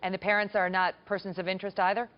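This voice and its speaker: A woman's voice: medium pitch, little pitch movement, racing, lo-fi sound. A woman as a news anchor in a live TV interview, pressing her guest with persistent questions.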